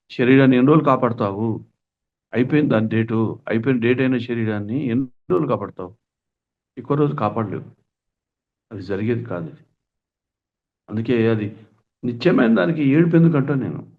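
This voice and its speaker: A man's voice: on the low side, brisk, pauses often. A middle-aged man giving a spiritual discourse, earnest, with lots of rhetorical questions and folksy asides. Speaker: spiritual teacher. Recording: tinny phone-like sound.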